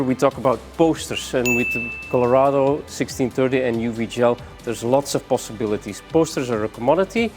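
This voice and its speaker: A man's voice: medium pitch, darkish tone. Breathless man demoing printing products. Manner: hurried, breathless, with many fillers. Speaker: product presenter. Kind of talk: fast-moving product demonstration.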